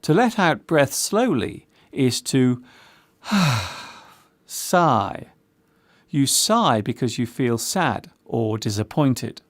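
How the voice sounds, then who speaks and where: Theatrical English man teaching slowly. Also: mid-range voice, no echo. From England. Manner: theatrical, sing-song delivery with playful rhymes. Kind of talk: scripted video lesson.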